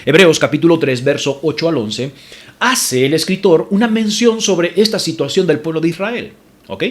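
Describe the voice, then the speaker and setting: A man's voice: fairly high pitch, moderate pace. A male pastor preaching a sermon to his congregation, addressing them as brothers, repeating scripture references and rising sharply when indignant.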